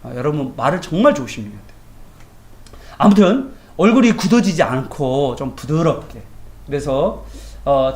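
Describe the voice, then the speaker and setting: A male pastor giving a morning devotion sermon in a colloquial, anecdotal way, often asking his listeners rhetorical questions. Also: a little high. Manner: animated, colloquial, tells everyday anecdotes; asks the congregation rhetorical questions.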